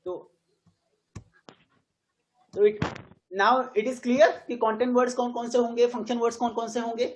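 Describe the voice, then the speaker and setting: A woman with an Indian accent teaching an English grammar class, switching between Hindi and English and slowing right down to model stressed words. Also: fairly high pitch, little pitch movement, slight background noise, rough recording. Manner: quizzes the students with frequent questions.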